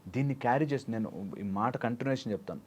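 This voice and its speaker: A male life coach answers interview questions in a quick, mid-range voice with a darkish tone, over a little hiss or hum. He gives advice through homely, everyday examples and mixes in English phrases.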